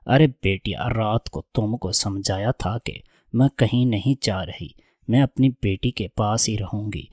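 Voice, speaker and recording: A man's voice: lowish voice, a little mellow, dry recording, clean studio sound, lightly acted. A man voicing a stubborn older aunt in a read-aloud story, in a plain reading voice. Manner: plain reading voice, barely changed. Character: stubborn older aunt who refuses to leave.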